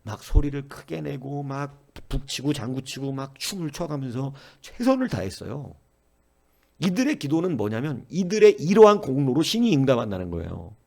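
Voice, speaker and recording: Gravelly-voiced Korean pastor preaching. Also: male voice, mid-range voice, a little mellow. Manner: earnest, exhorting, repeatedly addresses the congregation. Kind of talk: dawn-service sermon.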